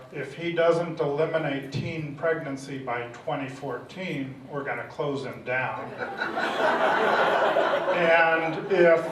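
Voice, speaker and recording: A man's voice: a little high, background noise. A man giving wry, argumentative remarks as a panelist in a panel discussion. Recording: echoey room, mic from far off.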